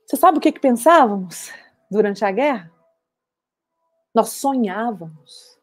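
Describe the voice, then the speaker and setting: A woman's voice: on the high side, animated. Actress as an old woman war veteran. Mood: sober. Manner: measured, reflective storytelling. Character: older woman war veteran recalling battlefield memories. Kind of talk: dramatic monologue testimony.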